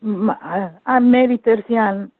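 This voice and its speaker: An older Egyptian woman phones in to a talk show to share a personal story, her voice a little high and a little slow. She's earnest yet hesitant, with many restarts. The telephone line sounds dry and tinny, with no echo.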